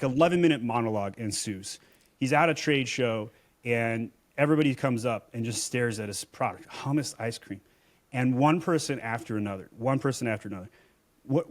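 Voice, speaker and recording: A man speaking as a podcast guest in an even middle voice, blunt and emphatic as he makes his points. He talks in a casual, conversational way, telling stories to drive each point home. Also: medium pitch. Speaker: Amazon seller and agency owner, podcast guest.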